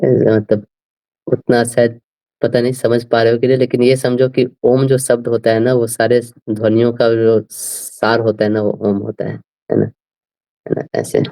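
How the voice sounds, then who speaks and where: A man explaining scripture to a class, slowly working through speech sounds and often asking his listeners whether they follow. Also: medium pitch, little pitch movement, vocal fry, dark tone, low-quality recording. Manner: slow, repeats "right?" often, spells out sounds. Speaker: scripture teacher.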